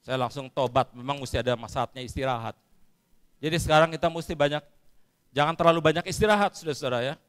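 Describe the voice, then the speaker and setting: Emphatic high-voiced male pastor preaching. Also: fast, a bit bright, clean tone. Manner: emphatic, repeats phrases, often addresses the congregation. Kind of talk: sermon. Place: church service.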